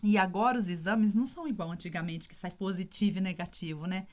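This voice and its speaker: A woman's voice: mid-range voice, fast talker, a little mellow. A woman in her thirties telling a personal story in an emotional, casual way, often apologizing for her feelings. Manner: emotional, tearful at times, with many fillers. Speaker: vlogger sharing her testimony.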